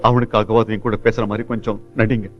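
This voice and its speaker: An actor playing a middle-aged father who speaks in a measured, restrained way. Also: on the low side, little pitch movement, close to an everyday voice. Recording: muffled film audio with music.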